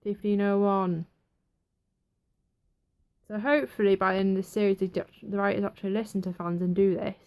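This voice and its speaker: Young woman rambling excitedly about a tv episode, chatty. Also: medium pitch, normal speed, pauses often. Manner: chatty, excitable, acts out quotes. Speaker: TV episode reviewer. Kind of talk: casual review monologue.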